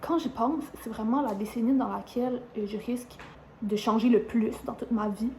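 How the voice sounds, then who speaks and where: A young woman with a Quebec French accent talks casually to her camera, rambling and filling pauses with little hesitations. Her voice sits a bit high but sounds mellow and soft-edged. A faint hiss lies under the recording. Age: 20s. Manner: chatty, rambling, frequent "euh" and "genre" fillers. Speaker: vlogger, university student.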